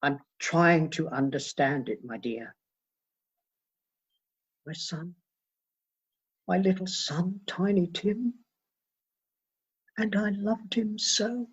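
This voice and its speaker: A man plays a humble father broken by grief in a radio drama. His husky voice comes very slowly and tenderly, halting and circling back, in a slightly dull recording. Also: high-pitched, a bit bright, heavily acted. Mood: grieving. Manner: halting, tender, repeating words. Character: grief-stricken, gentle father, humble and apologetic.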